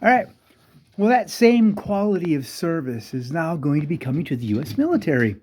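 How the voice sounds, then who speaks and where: An older man delivering a rambling satirical monologue full of sarcastic, deadpan asides. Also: on the high side, fairly quick. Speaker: comedic commentator.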